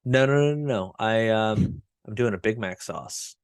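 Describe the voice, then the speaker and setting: Low-voiced guy on a podcast, blunt, jokes about himself, dead dry sound. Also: a little slow, smooth, no echo. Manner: blunt, self-mocking, swears casually. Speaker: podcast co-host. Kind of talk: casual chat.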